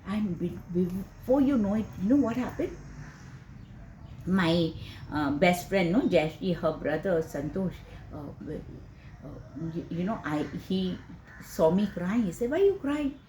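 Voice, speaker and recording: An older woman with an Indian accent who recites a poem and then tells a chatty, animated personal story, laughing often and filling pauses with "uh" and "you know.". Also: lowish voice, slight background noise. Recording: echoey room with faint ambience.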